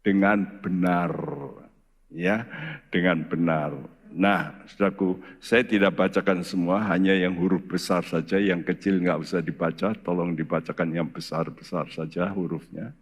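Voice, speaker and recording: A man preaching slowly and deliberately, leaning on rhetorical questions. His voice jumps into a high register and drops back down again. He is heard in a church hall with a long reverb trailing behind him. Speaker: pastor. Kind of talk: sermon.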